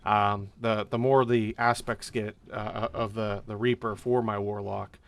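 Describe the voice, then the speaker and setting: A man chatting casually about his tabletop character, easygoing and supportive, with halting restarts. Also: lowish voice, level tone, very noisy. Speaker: game host and player.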